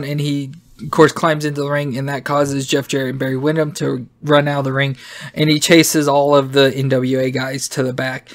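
A man hosting a podcast, recapping an old wrestling show in a rambling, casual way with many fillers and self-corrections. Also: medium pitch. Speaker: podcast host.

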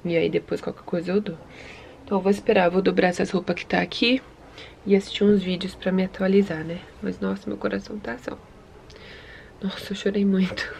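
Young São Paulo woman, casual home vlog, chatty and emotional, slightly gravelly voice. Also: mid-range voice, little pitch movement, brisk, slight background noise. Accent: Brazilian Portuguese, São Paulo. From Brazil. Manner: chatty and emotional, often drops to a soft murmur. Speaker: vlogger. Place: home, indoors.

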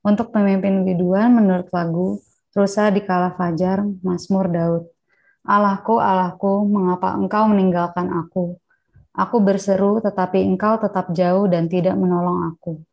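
A woman reads a scripture passage aloud to the group, slowly and carefully. She sits away from the microphone, and her voice comes through muffled and dull. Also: medium pitch, steady tone, vocal fry. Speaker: participant reading scripture. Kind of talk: reading aloud.

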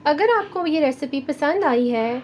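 High-voiced woman hosting a cooking video. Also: unhurried, a little hiss or hum. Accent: Pakistani Urdu. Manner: calm, instructive, addresses viewers directly. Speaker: cooking channel host. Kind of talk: step-by-step recipe voice-over.

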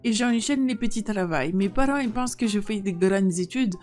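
A woman's voice: medium pitch, moderate pace, darkish tone, soft background music, natural voice. Woman voicing a blunt young russian woman, russian accent, dry, unimpressed. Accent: Russian, put on.

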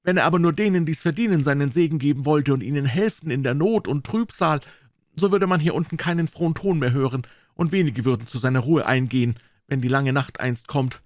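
Man doing a shrill pious old aunt. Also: a little fast, dry recording, clean studio sound, natural voice. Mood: fervent. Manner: fervent, exclaiming, invoking God. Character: pious, emotional elderly aunt.

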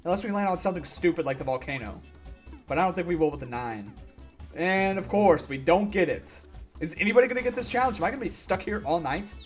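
A young man giving gameplay commentary, ranting and yelling at the game in frustration. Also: high-pitched, expressive, quick pace, faint music behind. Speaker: gaming YouTuber.

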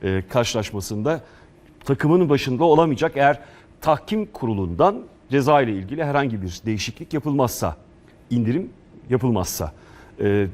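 A man presents sports news in a broadcast style. His voice sits at a middling pitch as he reads through press reports and relays them to viewers. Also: a little mellow.

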